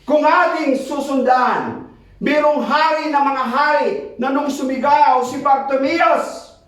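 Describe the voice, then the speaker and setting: A man preaching a sermon, switching between Tagalog and English and reading scripture aloud, emphatic and swinging between quick urging and slow drawn-out phrases. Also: extremely high pitch, a bit bright. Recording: very echoey hall, mic far off.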